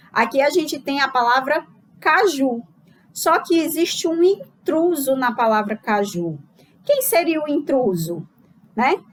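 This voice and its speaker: A woman giving a recorded lesson to teachers, explaining step by step and checking in with the listener after each point. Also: high-pitched. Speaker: teacher trainer.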